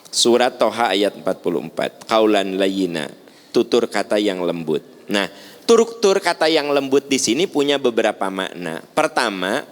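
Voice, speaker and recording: A man with a Sundanese accent giving a religious lecture, acting out family scenes with playful humor. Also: medium pitch. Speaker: preacher.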